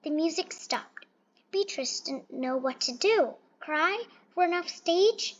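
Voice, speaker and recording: A woman's voice: very high-pitched, animated, takes it slowly. A woman reading a children's picture book aloud, expressively but with small stumbles and repeats. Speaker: storybook reader. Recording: dull, lo-fi sound.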